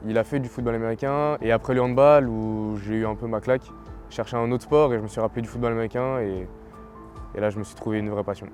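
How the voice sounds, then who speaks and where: A man's voice: mid-range voice, fast talker. A man of twenty from French Guiana, talking casually in an interview about his path in sport. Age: 20s. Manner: relaxed, talks plainly with fillers. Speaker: young athlete interviewee. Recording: interview with faint music underneath.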